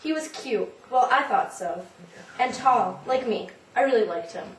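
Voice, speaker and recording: A woman's voice: fairly high pitch, animated, unhurried. A woman doing a flustered old lady. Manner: rambling, flustered, dodges the question. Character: nervous, evasive old woman, elderly. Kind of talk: audition monologue. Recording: roomy, from a distance, faint noise.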